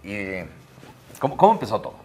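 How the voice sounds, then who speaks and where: A man hosting an interview show in a relaxed, chatty way with plenty of fillers. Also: fairly low pitch, a little fast. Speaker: host.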